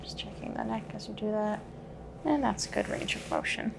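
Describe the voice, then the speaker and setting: A woman plays medical examiner in a soft ASMR style, with a noticeable fry in her voice. She guides calmly and gently, step by step, over clearly audible background noise. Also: mid-range voice, fairly quick. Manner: calm, gently instructing, explaining each step. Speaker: medical examiner giving a physical exam.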